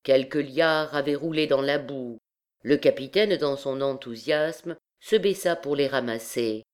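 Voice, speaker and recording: A woman narrating a classic novel audiobook in a steady, measured reading. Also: very deep voice.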